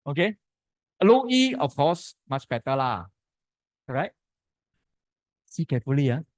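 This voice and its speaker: A man with a Malaysian accent lectures in an informal, colloquial way. His voice sits a little high and is recorded fairly dry. He talks in short, punchy phrases capped with particles. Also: very animated, measured pace, no echo. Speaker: lecturer presenting to architects.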